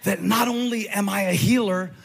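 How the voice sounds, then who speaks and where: A man preaching a sermon as a pastor, in a rhythmic style that stacks repeated phrases and climbs to shouts. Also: high voice, steady tone, moderate pace, creaky, breathy edge.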